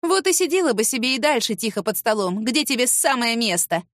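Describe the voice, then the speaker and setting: A catty young woman spits accusations and mockery at her rival, her voice pitched up and leaping all over the place, voiced by a woman narrator. The reading is close and dry. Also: sing-song, fairly quick, fairly bright tone, no room sound. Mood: mocking. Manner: sneering, shrill and accusing.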